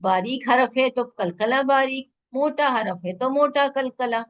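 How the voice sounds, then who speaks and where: A woman teaching Quran recitation in an online lesson, drilling syllables and quizzing her students with quick questions. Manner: drills syllables slowly and repeats them for students; recites verses slowly in a higher, drawn-out chant.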